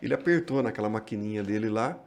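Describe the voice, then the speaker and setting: A Brazilian pastor, telling a travel story as a podcast guest. He is a lively storyteller who acts out quoted dialogue. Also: fairly low pitch, quick pace, gravelly. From Minas Gerais, Brazil. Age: 50s.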